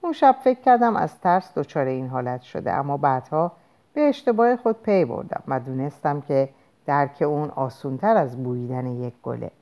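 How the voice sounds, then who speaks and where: A woman narrating a novel in an expressive audiobook reading. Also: sits low.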